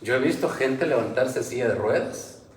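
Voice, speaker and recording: A man's voice: mid-range voice, normal speed, a little hiss or hum. A male pastor preaching a sermon with impassioned rises and falls, in a church hall. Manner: impassioned preaching, voice rising and falling. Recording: roomy church sound from a distance.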